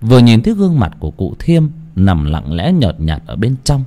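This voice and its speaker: A man narrating a ghost story dramatically, with an expressive, swooping delivery. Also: on the low side, normal speed.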